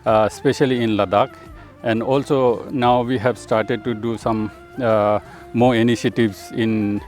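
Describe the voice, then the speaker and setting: Man in an interview, talks super slow, lots of uh's, faint music under it. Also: mid-range voice, steady tone, darkish tone. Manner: halting, many fillers. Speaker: interviewee, NGO founder. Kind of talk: interview answers in English.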